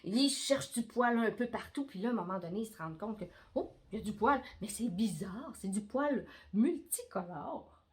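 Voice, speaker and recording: A middle-aged woman with a Québécois accent improvising an Easter story with her daughter in a coaxing, animated way. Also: mid-range voice, moderate pace. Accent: Québécois French. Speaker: mother telling story.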